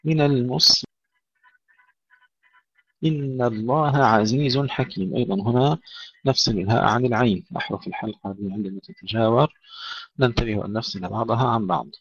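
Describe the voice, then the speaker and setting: A man teaching Quranic recitation rules, slowly reciting short verses and then explaining each letter, recorded dry on a dull lo-fi mic. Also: mid-range voice, creaky, breathy edge, no room sound. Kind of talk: tajweed lesson.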